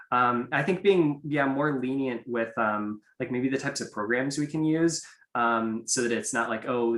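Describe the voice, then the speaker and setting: A man's voice: medium pitch, a bit bright. A man on a student panel answering questions in loose, rambling run-on sentences. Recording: roomy echo on a video call.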